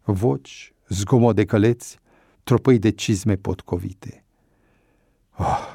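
Gravelly, dark-voiced male narrator. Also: on the low side, no room sound, clean studio sound. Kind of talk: audiobook narration.

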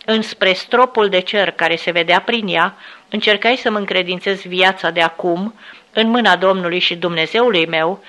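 A woman narrating a memoir aloud in a steady, solemn storytelling manner. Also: on the low side.

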